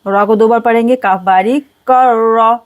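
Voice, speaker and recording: A woman teaching Quran recitation step by step, spelling out letters and then reciting each word slowly and drawn out. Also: on the high side, steady tone.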